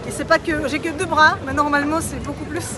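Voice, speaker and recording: A woman's voice: sits high, fairly even intonation, fast talker. A woman from Russia with a foreign Russian accent, speaking hesitant non-native French as she searches for words in a street interview. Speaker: interviewee at a commemorative march. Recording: loud street crowd behind.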